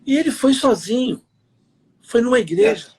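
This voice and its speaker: A man's voice: very high-pitched, lively intonation, moderate pace, a little mellow, husky. A middle-aged man, a pastor, giving an earnest personal testimony in a live interview, telling stories with plenty of fillers. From Brazil. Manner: earnest storytelling with many fillers.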